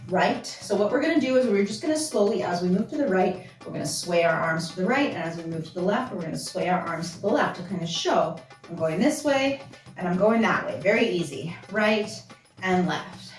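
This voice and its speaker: A woman teaching a belly dance class, counting steps aloud as she dances. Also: fairly low pitch. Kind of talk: dance tutorial instruction. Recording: roomy, from a distance, with music.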